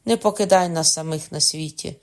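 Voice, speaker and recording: A woman's voice: sits low, brisk, darkish tone. A woman reading aloud and voicing an old father who begs for his son's life, in a storybook reading. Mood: begging. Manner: begging, wailing. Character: old father, desperate, pleading for his son.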